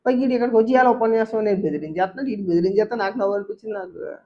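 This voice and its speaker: A man's voice: sits high, racing. A man giving a heated political rant, scolding and taunting with rhetorical questions. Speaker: political commentator. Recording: dull lo-fi sound.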